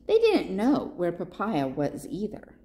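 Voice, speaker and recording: With a mid-range voice, a woman librarian gives an expressive read-aloud of a picture book for kids, breaking off at points to put questions to her young audience.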